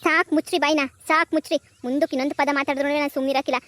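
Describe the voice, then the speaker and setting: A woman doing a sharp-tongued young village wife. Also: high-pitched, steady tone, racing. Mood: angry. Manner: pleading sweetly to her father-in-law, then scolding with contempt. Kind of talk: cartoon comedy voice acting.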